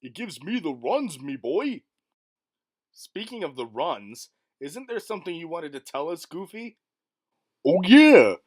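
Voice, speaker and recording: A dopey, cheerful cartoon dog, put on by a man rambles through tall tales. The voice sits high and the delivery is slow and loose. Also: very animated, heavily acted. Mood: rambling.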